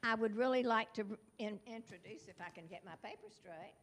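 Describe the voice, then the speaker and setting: With a briskly paced, slightly high voice, an older woman welcomes new residents at a meeting in a chapel hall. As the departing neighborhood representative, she is warm and self-deprecating but scattered, giggling frequently and losing track of where she is.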